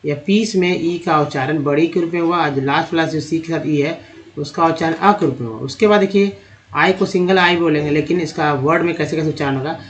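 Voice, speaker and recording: A man teaching a language lesson, slowly sounding out English words letter by letter and explaining vowel sounds to his viewers. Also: on the high side. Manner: slow, drawn-out spelling and sounding out of words; explains with repeated patterns and direct address to viewers.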